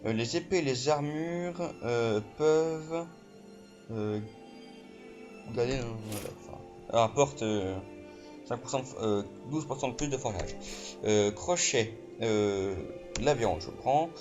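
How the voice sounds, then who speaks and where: Man, gamer, let's play commentary, excitable, swears a lot, filler-heavy, mid pitch, game music behind. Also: slow pace, highs cut off.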